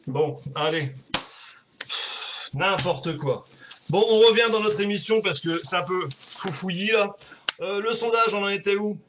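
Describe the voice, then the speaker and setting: A man hosting a casual livestream from home on a webcam, out of breath and excitable, swearing and laughing between segments. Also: sits high, measured pace, noisy background. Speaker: livestream host. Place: home room.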